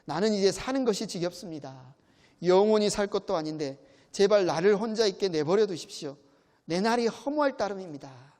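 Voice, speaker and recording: A man's voice: high-pitched, expressive, a little fast, a little mellow, in a large hall. A man voicing a suffering man crying out to God in an anguished, pleading lament. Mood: weary.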